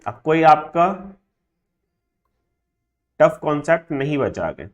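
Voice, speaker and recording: A man teaching a shorthand class who says each word slowly and more than once, and often stops with a quick question to check that the students are following. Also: fairly high pitch, very animated, dull audio. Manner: drills words by repeating them slowly, checks understanding with frequent tag questions. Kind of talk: classroom lesson.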